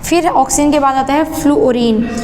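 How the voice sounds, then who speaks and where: A woman's voice: high-pitched, moderate pace, a little mellow, faint music behind. A woman teaching a basic science lesson, explaining step by step and answering her own questions as she goes. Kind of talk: classroom lesson. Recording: echoey room reverb.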